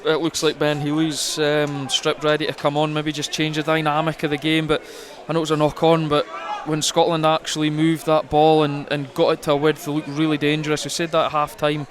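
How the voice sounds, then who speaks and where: A rugby co-commentator talks through the live action conversationally, working out his points on the fly. He speaks quickly in a slightly high, totally flat voice with hardly any pauses, while the stadium crowd roars in the background.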